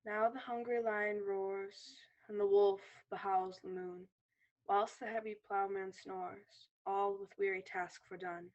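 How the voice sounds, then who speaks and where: A woman's voice: medium pitch, fairly even intonation, measured pace, lo-fi sound, lightly acted. A woman playing a mischievous male fairy sprite, reciting rhythmic, playful verse. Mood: eerie. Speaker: student actor.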